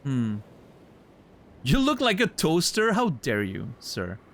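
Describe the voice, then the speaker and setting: His pitch swoops wildly in a somewhat high voice, though he speaks slowly. The man, a native French speaker with a French accent, streams a game while chatting casually, thinking aloud and jokingly feigning outrage at chat.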